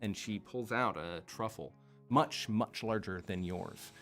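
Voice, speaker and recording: Low-voiced male game master narrating. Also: fairly bright tone, faint music behind. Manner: halting, deliberate storytelling. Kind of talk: improvised tabletop game narration.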